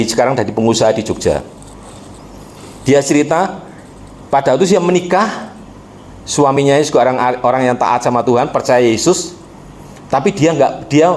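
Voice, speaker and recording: A man preaching a sermon, calling out to the congregation and swinging between quiet storytelling and impassioned exhortation. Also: medium pitch, a little hiss or hum. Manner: addresses the congregation directly. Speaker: pastor.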